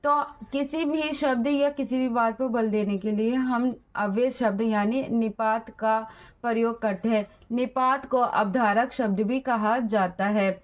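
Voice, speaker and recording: A woman's voice: a little high, unhurried. A young woman teaching a grammar lesson in a classroom style, repeating each example sentence twice.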